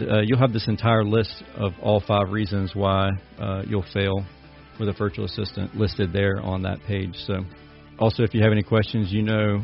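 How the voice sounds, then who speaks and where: A man's voice: on the low side, gravelly, muffled recording. A man hosting a business podcast, chatty and easygoing, with frequent fillers. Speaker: podcast host. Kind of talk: casual podcast intro and interview.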